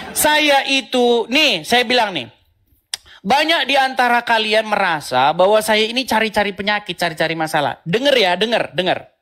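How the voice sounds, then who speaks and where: Man, debate host, fairly high voice, mocking, laughs a lot, repeats phrases. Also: sharp tone. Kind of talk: provocative debate commentary.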